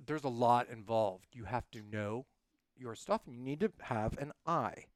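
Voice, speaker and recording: A man co-hosting a podcast in casual chat, blunt and animated, swearing freely. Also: medium pitch, normal speed, no room sound, studio quality. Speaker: podcast co-host.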